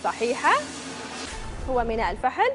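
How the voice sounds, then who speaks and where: A woman hosts a TV quiz in a studio, her voice pitched high. She fires off questions and answer choices at a quick clip, upbeat and crisp, with music playing behind her. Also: sing-song, fairly bright tone. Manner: brisk, upbeat, reads questions and options crisply. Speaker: quiz show host. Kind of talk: TV game show hosting. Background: show music.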